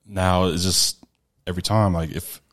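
Very deep-voiced man, earnest talk. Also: fairly even intonation. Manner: earnest, halting with restarts. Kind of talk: casual interview chat.

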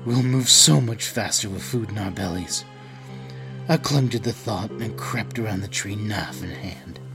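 Music plays beneath a somewhat low voice as an actor, cast as a father desperate to protect his family in a post-apocalyptic audio drama, narrates in first person. He speaks tensely and deliberately, his tone wary and on edge.

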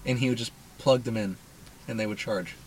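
A man in casual chat, curious and quick to laugh, telling stories and swearing. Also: medium pitch, slight background noise, low-quality recording. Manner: curious, laughs often, tells anecdotes.

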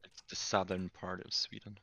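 A man's voice: low-pitched, monotone, moderate pace, gravelly, sharp tone. A man chatting casually in a joking, playful way. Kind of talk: casual banter.

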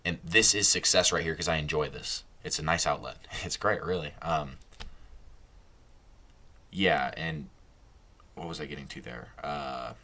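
A man's voice: very deep voice, measured pace, pauses often, sharp tone. A young man hosting a casual solo podcast, rambling and stopping himself mid-sentence, laughing at his own slips. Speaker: podcast host.

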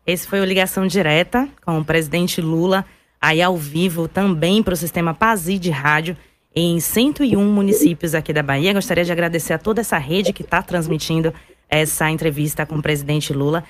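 A woman's voice: on the low side, a little fast. A woman hosting a live radio interview, closing with polite, formal thanks. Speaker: radio host.

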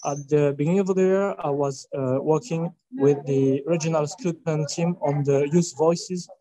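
Halting French-accented young man. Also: a little high, steady tone, dark tone, poor audio. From France. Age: 20s. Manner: halting, many filler sounds and restarts. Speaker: youth scout representative. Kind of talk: panel interview.

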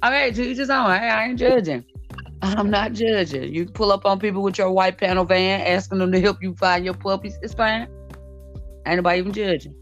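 A podcast host in her late forties speaks briskly at medium pitch, bluntly leading a casual conversation and repeating points for emphasis. The recording is dull and lo-fi, with music in the background.

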